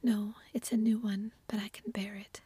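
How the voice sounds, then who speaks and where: A woman voicing a gentle, frail teenage girl in a soft, tremulous whispered role-play. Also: mid-range voice, flat delivery, a little slow, slightly rough, no room sound. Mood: tearful.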